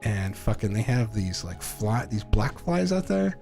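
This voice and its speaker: A man co-hosting a casual podcast chat, telling stories with lots of swearing, his voice jumping high when he gets worked up. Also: unhurried, gravelly, soft background music. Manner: animated storyteller, swears freely, voice jumps high when excited. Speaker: podcast co-host.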